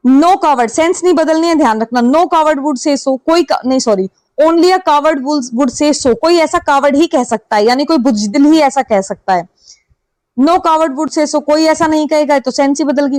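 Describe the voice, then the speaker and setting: A woman with an Indian accent teaching an online exam-prep lesson. She explains in Hindi, reads the English questions slowly, and asks and answers her own questions. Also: high voice, a little mellow, no room sound, low-quality recording.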